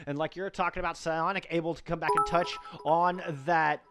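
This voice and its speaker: Hyped high-voiced esports caster man. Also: brisk, music in the background. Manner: excitable, hyped, shouts of praise. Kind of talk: esports post-match commentary.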